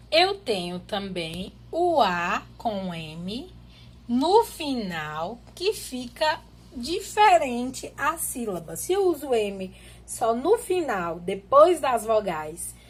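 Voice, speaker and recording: A woman teacher, giving a children's literacy lesson and patiently sounding out syllables one at a time. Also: a little high.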